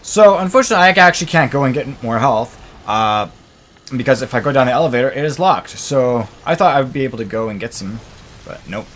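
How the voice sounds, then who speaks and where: A young man talks over his gameplay in a let's play, grumbling and exasperated as he loses again and again. His speech rambles and trips over fillers and restarts. He speaks at an ordinary, middling pitch. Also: animated, fast, a bit bright. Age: young adult. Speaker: gaming channel host.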